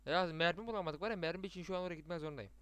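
A young man commentating his mobile shooter match with teammates, chatty, muttering to himself and then bursting out excitedly. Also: on the high side, very fast, clear, resonant tone. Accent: Turkish. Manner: chatty, swings between muttering and excited outbursts. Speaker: gaming streamer. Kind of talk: live gameplay commentary with teammates.

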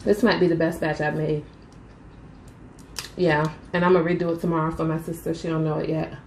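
Speaking fairly quickly in a low, level voice with a darkish tone, a young mukbang vlogger chats to viewers she calls "y'all" and eats between sentences in a casual vlog. She's recording indoors in a small room at home. The room sounds echoey, with a little hiss or hum.

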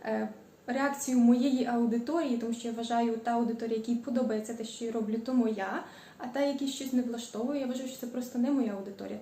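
A woman's voice: fairly high pitch, warm tone. Woman who drags out word endings, echoey kitchen. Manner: frequent hesitant fillers. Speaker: cooking vlogger. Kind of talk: casual home cooking vlog. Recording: echoey room.

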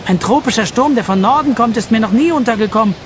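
A man voicing Jean, a lively male sailor, in an audiobook, speaking animatedly. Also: very high-pitched, fast, a little hiss or hum, pitched above the performer's own voice. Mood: excited. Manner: animated, raised voice.

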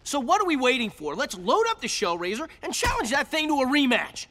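A man's voice: very high voice, wildly swooping pitch, fairly quick, pushed and bright, in a large hall, heavily acted. A man voicing a hot-headed teenage mutant turtle who talks bluntly and sarcastically. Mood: gruff.

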